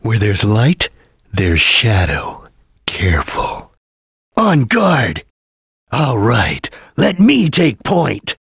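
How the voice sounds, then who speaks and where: A man voicing a stoic, serious chameleon ninja in a video game, speaking in a terse, grave, deliberate way. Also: mid-range voice, wildly swooping pitch, gravelly, fairly bright tone, breathy edge, dry recording, studio quality, exaggerated voice. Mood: guarded, then battle-ready. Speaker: video game character voice actor. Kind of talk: video game voice lines, hints and callouts.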